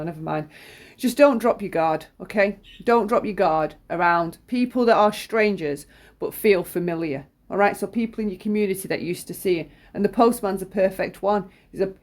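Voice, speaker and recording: A woman's voice: mid-range voice, darkish tone. Blunt, chesty woman. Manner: blunt, sweary, emphatic with repetition. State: congested with flu, chesty. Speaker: true-crime commentator. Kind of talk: informal opinionated monologue.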